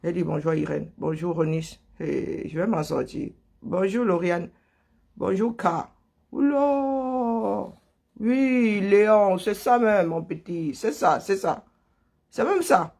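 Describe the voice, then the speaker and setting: High-voiced man hosting a live stream. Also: takes it slowly, creaky, a little mellow. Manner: greets viewers by name between political rants; sarcastic, laughs often. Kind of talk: casual live stream commentary.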